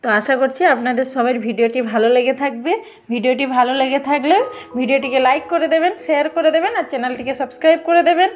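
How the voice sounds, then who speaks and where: A woman's voice: high-pitched, quick pace. A talkative young woman chatting casually in her home kitchen while she cooks for her vlog. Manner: talkative, says she talks a lot and loudly. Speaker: home cooking vlogger. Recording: background music under the voice.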